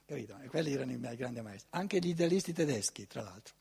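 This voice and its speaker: An older man giving a conference talk in a lecture hall, animated and conversational, often asking his audience rhetorical questions. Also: medium pitch, quick pace, vocal fry, slightly rough.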